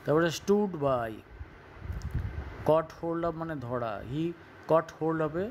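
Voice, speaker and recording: Bengali accent guy teaching english vocab online, slow and deliberate, little bit of background hiss. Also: on the high side, lively intonation. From West Bengal, India. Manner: explains word meanings slowly, mixing English and Bengali. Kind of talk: recorded online class lesson.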